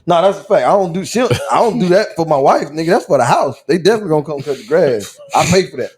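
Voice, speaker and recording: Male podcast co-host, slightly higher voice, blunt and crude, casual banter. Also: lively intonation, quick pace, a little mellow, breathy edge. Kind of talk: casual chat.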